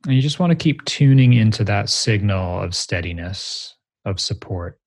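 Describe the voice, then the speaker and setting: A man with a fairly low voice leads a grounding exercise as a meditation teacher. His delivery is gentle and measured, in short phrases, with a creaky, husky grain. The sound is dry and close. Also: lively intonation, dry recording. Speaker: meditation teacher, interview guest.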